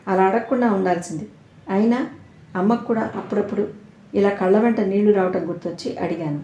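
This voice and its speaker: A woman storyteller reading a first-person audio story in a soft, reflective way, in a roomy echoing recording. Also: medium pitch, slight background noise. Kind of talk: scripted audio-story narration. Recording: roomy echo.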